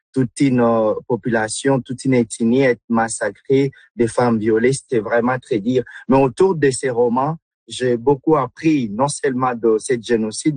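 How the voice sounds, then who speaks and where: Earnest, husky Congolese-born man. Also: mid-range voice, darkish tone, no echo. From Democratic Republic of the Congo. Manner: earnest, many hesitations and repeated words. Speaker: guest, literary club member. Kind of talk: radio interview.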